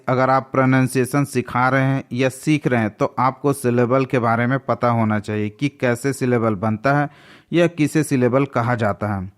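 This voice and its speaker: A man teaching a slow English lesson, patiently spelling words out letter by letter. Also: medium pitch, clear, resonant tone.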